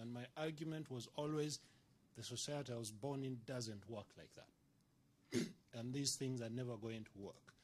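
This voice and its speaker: A man from Uganda, a report author, answering at a panel discussion in a large conference room, earnest and argumentative, clearing his throat often. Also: mid-range voice, slight background noise.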